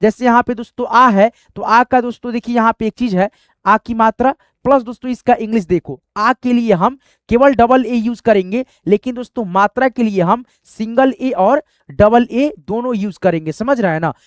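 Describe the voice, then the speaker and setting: A man's voice: extremely high pitch, normal speed, no echo, clean studio sound. A man teaching a step-by-step lesson, patient and repetitive, often calling his listeners friends and checking that they follow. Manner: checks understanding with short tag questions. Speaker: Hindi and English teacher.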